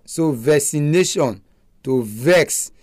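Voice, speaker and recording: A man's voice: a little high, lively intonation, takes it slowly, a little mellow, dry recording, studio quality. A man with a Nigerian accent giving a religious radio talk in Nigerian Pidgin, repeating phrases for emphasis.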